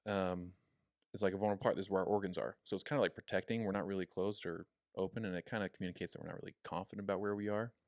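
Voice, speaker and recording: A man's voice: low voice, steady tone, very fast, no echo, studio quality. A young man co-hosting a podcast, talking casually with lots of fillers. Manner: chatty, filler-heavy, demonstrates voice tones. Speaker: podcast co-host.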